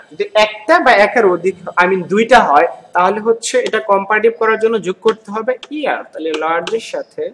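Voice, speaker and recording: A man from Bangladesh teaching an English grammar lesson in Bengali. He repeats words slowly and asks the class questions as he goes. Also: high voice, a bit bright, slight background noise, poor audio.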